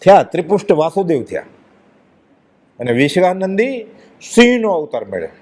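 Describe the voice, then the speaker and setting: An emphatic man delivers a devotional discourse, pressing his points with rhetorical questions. His voice is somewhat high for a man. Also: big pitch swings, moderate pace, darkish tone. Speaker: religious speaker.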